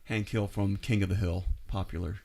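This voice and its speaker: A man's voice: deep voice, steady tone, normal speed, creaky, a little mellow. A man chatting casually and jokingly as he comments on game clips.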